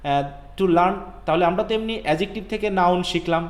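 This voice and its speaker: A man with a Bangladeshi accent teaches English grammar in a live online class, his voice set fairly high for a man. His English explanations come out slow and halting, padded with "uh" and "actually", while his Bengali asides move more quickly. The sound is echoey, like a bare room.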